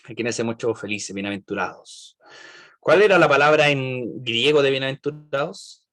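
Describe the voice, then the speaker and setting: A man's voice: mid-range voice, moderate pace, fairly bright tone. A man leading an online Bible study, asking the group questions and checking in with "right?".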